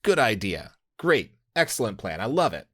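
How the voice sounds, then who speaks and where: A man's voice: fairly low pitch, very animated, moderate pace, fairly bright tone, breathy edge, no room sound, studio quality. A man hosting a language podcast, explaining slang step by step in a casual, laughing way. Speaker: podcast host teaching slang. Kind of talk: casual teaching chat.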